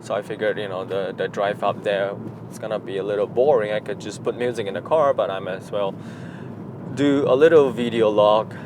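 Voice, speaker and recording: A man's voice: on the low side, steady tone, a little fast, noisy background. A man, chatting unscripted in a vlog from his moving car, rambling with many fillers and restarts. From Singapore. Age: 30s. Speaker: vlogger. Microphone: action camera mounted in car.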